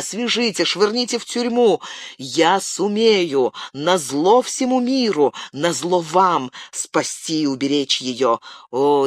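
A proud, impulsive young nobleman, played by an audiobook reader, bursts out with fervent declarations. The delivery swings widely in pitch. It sounds dry and close, with no room around it. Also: dry recording. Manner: fervent, exclamatory outbursts. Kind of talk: audiobook character reading.

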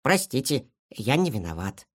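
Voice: mid-range voice, very animated, normal speed, husky. A storybook reader voicing a modest young male hedgehog who talks plainly.

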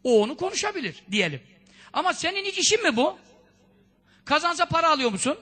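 A preacher with a strikingly high, ringing voice delivers a conversational sermon. He scolds his listeners with one rhetorical question after another and drops in Arabic sayings as he goes. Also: very animated, fast talker, bright, forceful tone. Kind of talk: religious sermon talk.

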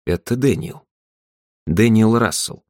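A man reading a male caller who speaks slowly and carefully in an audiobook. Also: fairly low pitch, expressive, no room sound, studio quality.

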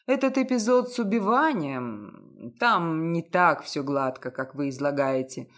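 A woman doing a low, mocking detective man. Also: lively intonation, a bit bright. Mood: mocking lecture. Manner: mocking, condescending, unhurried. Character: cynical, self-assured male private detective.

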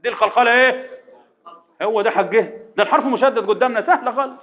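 A man with an Egyptian accent teaching Quran recitation rules to a class, firing quick repeated questions at students and chanting verses slowly. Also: very high voice. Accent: Egyptian Arabic. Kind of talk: classroom tajweed lesson. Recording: echoey hall, dull lo-fi sound.

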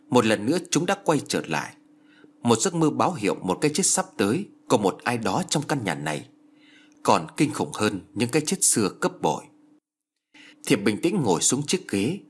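A man's voice: medium pitch, sing-song, moderate pace, husky. A man narrating a horror story in a scripted, dramatic storytelling style.

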